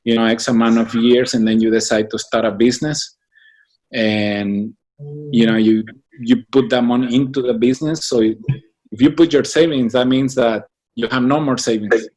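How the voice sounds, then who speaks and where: Man, halting and thoughtful. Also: mid-range voice, steady tone, a little mellow. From Mexico. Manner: thoughtful, many fillers and restarts. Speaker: guest, founder of a business association. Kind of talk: interview answers.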